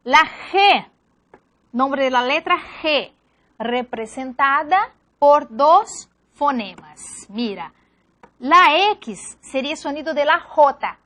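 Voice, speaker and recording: A woman's voice: sits high, expressive, takes it slowly, sharp tone. A woman teaching a phonetics lesson, patiently saying example words one at a time. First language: Portuguese. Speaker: language teacher. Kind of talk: slow phonetics lesson, reading word lists.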